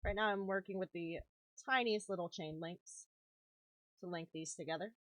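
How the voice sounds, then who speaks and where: A woman's voice: on the low side, moderate pace, a bit bright, no echo. A woman chatting casually on a live stream while crafting, swearing freely and laughing often. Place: home craft room.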